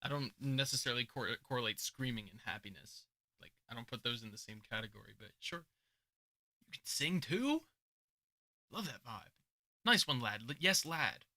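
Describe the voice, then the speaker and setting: A young man hosting his channel and judging beatbox entries in casual reaction commentary, chatty, laughing often, and shifting between mumbled asides and loud remarks. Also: medium pitch, lively intonation, moderate pace. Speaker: beatbox judge and channel host. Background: beat music playing.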